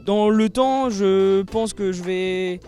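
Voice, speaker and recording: A man's voice: high voice, slow, dark tone, faint music behind. A man in his twenties from Normandy who studies agriculture, talking in a casual testimonial with many hesitations. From Normandy, France. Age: 20s. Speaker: agriculture student.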